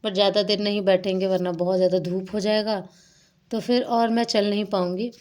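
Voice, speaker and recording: A woman's voice: medium pitch, little pitch movement, a little fast, a little mellow. A young adult woman narrating a casual vlog in a chatty, rambling way with lots of fillers. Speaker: vlogger.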